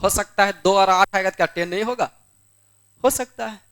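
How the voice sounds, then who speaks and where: A man's voice: sits high, normal speed, a bit bright. A male math teacher giving a board exam lesson, who keeps asking questions and answering them himself, in a coaxing way. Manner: scolds students in the room.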